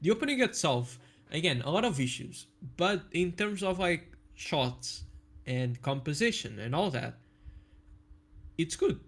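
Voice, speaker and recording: A young man who is a guest on a casual online chat, with a slightly high-pitched voice. He gives blunt, slangy opinions with plenty of conviction. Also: very animated, unhurried. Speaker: guest animator.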